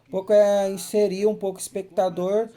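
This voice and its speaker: A man who is a filmmaker and journalism professor, calmly explaining his documentary on a commentary track. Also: high-pitched, a little fast. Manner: calm, explanatory, with frequent "né".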